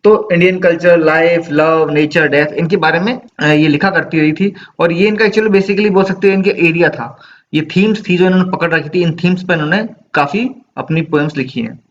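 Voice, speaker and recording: Male teacher explaining a poem. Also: fairly high pitch. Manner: explains slowly, reads verse lines very slowly, asks rhetorical questions. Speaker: English literature teacher. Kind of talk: Hindi-English poetry lecture. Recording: dull, lo-fi with faint background noise.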